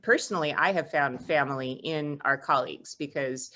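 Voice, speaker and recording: Woman host, lowish voice, sympathetic casual chat. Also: bright, forceful tone, slight background noise. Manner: agreeable, quick to sympathize. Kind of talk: casual video-call chat.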